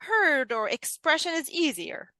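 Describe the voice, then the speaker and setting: Interviewed as a leadership coach, a woman with a Lebanese Arabic accent speaks casually. Her high voice is very animated and sharp in tone, a little slow, and the recording is dry.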